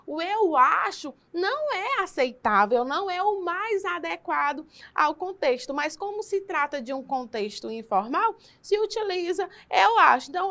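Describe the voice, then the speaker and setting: A woman's voice: high-pitched, a bit bright. A woman teacher with a Brazilian Portuguese accent giving a recorded lesson, explaining step by step and often checking in with her listeners.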